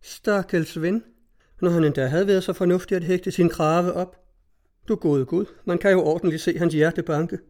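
A man's voice: a little high, dark tone, lightly acted. A man putting on a teasing young woman. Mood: tender.

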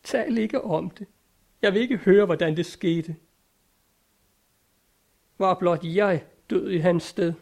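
A man's voice: high-pitched, creaky, long pauses, voice pushed up. Tormented brooding man, grim and despairing, slightly raised voice, read by a male narrator. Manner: dark, despairing.

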